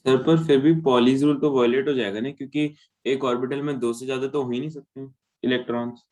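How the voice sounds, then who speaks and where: A man's voice: mid-range voice, steady tone, brisk, a little mellow. Young male student answering politely.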